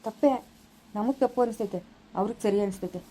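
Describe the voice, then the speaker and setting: A woman's voice: mid-range voice, quick pace, dark tone, slight background noise, close to an everyday voice, rough recording. A woman playing a firm wary husband. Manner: firm, lecturing.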